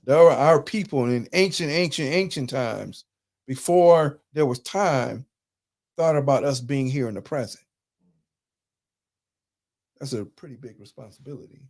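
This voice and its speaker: A man with hosts a live talk, walking through slides. His lecturing is loose and conversational but turns emphatic as he drives his points home. His voice sits at an everyday middle pitch. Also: unhurried, long pauses, darkish tone. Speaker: host.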